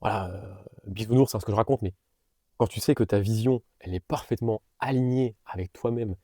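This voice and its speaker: A man's voice: on the low side, a little fast, dark tone, no room sound, clean studio sound. A young man in a casual, earnest motivational monologue, speaking straight to the viewer with fillers and restarts. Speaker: vlogger and business coach.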